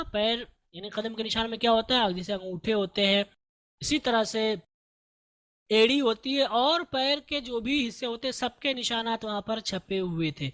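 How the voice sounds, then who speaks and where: An Indian-accented man teaching a class, going through an English text one line at a time. He talks at an unhurried pace and drags out each quoted sentence word by word before he explains it with patience. The recording is dry and close, with no room sound. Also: very high voice, a bit bright, dry recording.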